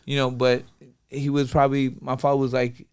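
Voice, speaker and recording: He's a Brooklyn, New York man with a smooth, medium-pitched voice at a normal speed, telling stories casually as a podcast guest. Animated throughout, he imitates the people in his tales, especially his father.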